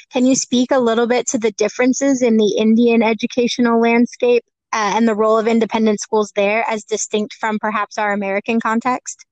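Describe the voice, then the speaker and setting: A woman's voice: fairly high pitch, dry recording, rough recording. A woman hosting an interview, introducing and questioning a guest in a polite, conversational way. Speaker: interview host.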